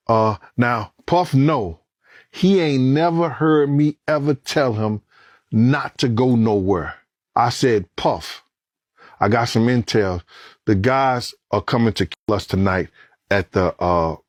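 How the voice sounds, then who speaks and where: A man's voice: dry recording, clean studio sound. A man who was once a bodyguard, telling a story in an interview with street slang and acting out what people said. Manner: street slang, acts out quoted lines; grows louder and higher in tense moments. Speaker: former bodyguard.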